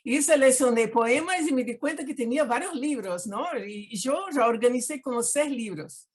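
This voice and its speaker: Speaking Spanish with a Portuguese accent, an older woman from Brazil chats as a guest artist in a casual video-call interview, expressive and fond of tag questions. Her voice runs on the high side at a moderate pace.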